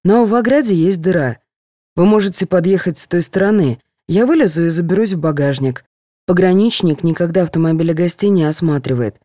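A woman's voice: lowish voice, animated, a little fast, mellow, dry recording, studio quality. A woman doing a whiny young patient. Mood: pleading. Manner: whining, pleading.

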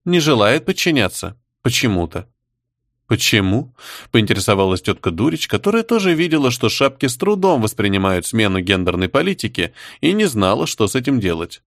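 A man narrating a satirical audiobook with a wry, expressive delivery. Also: on the low side, fast talker, hardly any pauses, no room sound, clean studio sound. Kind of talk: audiobook reading.

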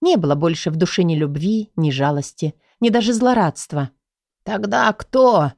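A woman narrating a first-person audiobook in an even, measured storytelling manner. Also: low-pitched, no room sound, clean studio sound.

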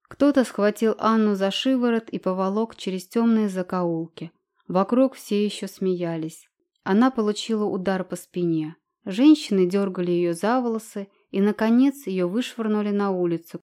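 A woman reading a historical novel aloud with an even, dramatic delivery. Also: medium pitch. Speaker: audiobook narrator. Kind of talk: scripted narration.

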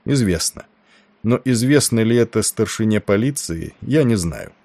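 A man reading the part of a young sailor who answers in a calm, dry, curt way. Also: fairly low pitch, moderate pace, gravelly, no echo.

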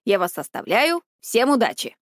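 A strict middle-aged deputy head of a school addresses students in a formal announcing tone, her voice set high with a lively lift, as a woman narrator puts her on. The sound is dry and close. It suits a storybook reading. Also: normal speed, no room sound. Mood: official.

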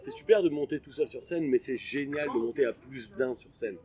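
A comedian from Picardy in casual conversation, rambling through a story with joking asides. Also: male voice, medium pitch, fairly quick, a crowd in the background. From France, Picardy. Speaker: guest comedian. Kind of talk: casual interview chat.

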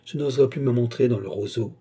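A man reading aloud, voicing an earnest, sulky young gentleman in a dark, husky voice. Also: mid-range voice, fast talker, lightly acted. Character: young gloomy, impulsive gentleman in love.

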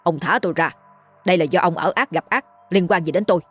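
A woman voicing a defiant old male exorcist who shouts back. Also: on the low side, fast, breathy edge, no echo, soft background music.

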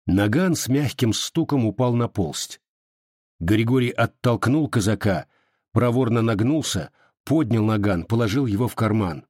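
Guy reading a novel aloud, husky voice, pitch moves a lot, dry close sound. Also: normal speed, no room sound. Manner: expressive storytelling. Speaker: narrator.

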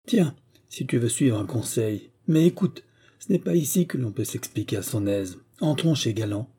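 A man voicing a boisterous, hard-drinking army sergeant who talks loud and jovial, in an audiobook reading. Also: mid-range voice, expressive, normal speed, breathy edge. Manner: loud, swaggering, jovial barrack-room talk.

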